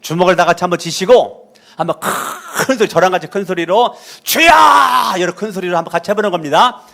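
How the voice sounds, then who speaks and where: A man pastor preaching a sermon, fervent, dropping low and then leading shouted prayers. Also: fast. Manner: leads the congregation in loud shouted prayers; fervent, preaching with dramatic drops and rises in volume.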